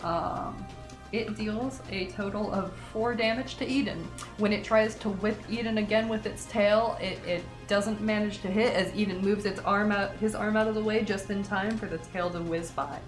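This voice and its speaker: A woman's voice: mid-range voice, fairly even intonation, moderate pace, roomy sound, faint music behind. A woman running a tabletop game as game master, narrating the action with many fillers and self-corrections.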